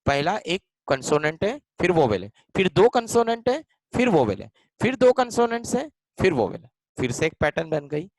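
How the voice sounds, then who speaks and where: A man's voice: high voice, sing-song, moderate pace, no room sound, rough recording. A man teaching a grammar lesson for exams, who repeats his points, asks and answers his own questions, and mixes English phrases into his explanations. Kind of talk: exam-focused grammar lesson.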